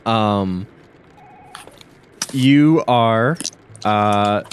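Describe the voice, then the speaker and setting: A man's voice: on the low side, very slow, slight background noise. A man narrating a tabletop game as game master, hesitant, with many fillers and restarts.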